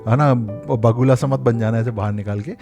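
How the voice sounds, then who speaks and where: Middle-aged guy giving interview tips, direct and reassuring, warm low voice, soft music behind. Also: steady tone, normal speed. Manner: mixes Hindi with English phrases, demonstrates by example. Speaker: career coach for hospital admin jobs. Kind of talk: casual advice talk to camera.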